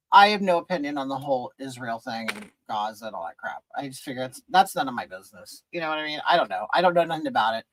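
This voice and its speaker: The audio is poor, and the man's voice is fairly high-pitched. Hosting a casual stream from rural California while he does his makeup, he rambles and hesitates, restarting sentences often as he reads and replies to chat.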